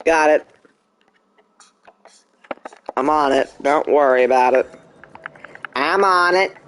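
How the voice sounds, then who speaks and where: A man's voice: on the high side, measured pace, fairly bright tone, slight background noise. A young man streaming a game, chatting casually and talking back to the game in mock frustration. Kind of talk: casual live gameplay commentary.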